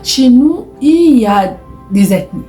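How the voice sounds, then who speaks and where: A woman's voice: fairly high pitch, expressive, takes it slowly, warm tone, roomy sound, soft background music. A woman from the Republic of the Congo who gives casual relationship advice, talks straight to her viewers and repeats phrases for emphasis. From Republic of the Congo (Brazzaville). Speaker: vlogger. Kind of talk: casual advice talk to camera.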